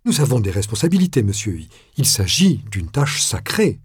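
A man's voice: medium pitch, unhurried, dark tone, dry recording, studio quality, close to an everyday voice. A man voicing an indignant, pompous mayor who speaks in grand, solemn phrases. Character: pompous indignant middle-aged male mayor.

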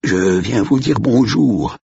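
A man's voice: very deep voice, animated, measured pace, husky, dry recording, full character voice. A man voicing an elderly, timid English butler who speaks formally in a quavering, raised voice. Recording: dull lo-fi recording.

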